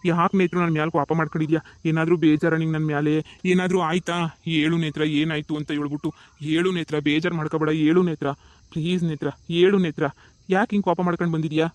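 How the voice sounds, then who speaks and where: Someone voicing a young husband who begs and coaxes quickly, in a cartoon comedy. The recording is close and dry. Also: mid-range voice, little pitch movement, no room sound, lightly acted. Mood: pleading. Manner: repeatedly pleading and coaxing. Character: young husband, pleading and wheedling.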